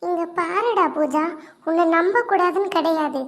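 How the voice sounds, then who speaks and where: A gentle, high-voiced cartoon sister-in-law who speaks softly and patiently and coaxes the others to calm down, voiced by a woman. She is measured and soothing. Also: heavily acted. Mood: coaxing. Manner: soft, soothing, slow.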